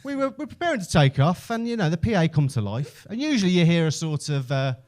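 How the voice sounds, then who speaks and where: Fast and sing-song, with a high, darkish voice, this Brummie comic from Birmingham, England, spins stand-up stories that are chatty, sweary, and self-mocking.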